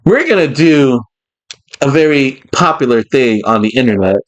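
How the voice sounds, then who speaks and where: A man's voice: mid-range voice, lively intonation, normal speed, poor audio. A man hosting a podcast in casual chat, rambling and laughing often. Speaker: podcast host.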